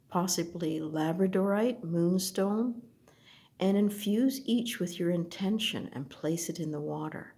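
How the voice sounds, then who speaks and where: A woman slowly looking through an oracle deck, speaking softly and at times dropping to a whisper. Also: lowish voice. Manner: soft, slow, gently admiring, drifts into whispers. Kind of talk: slow unboxing commentary.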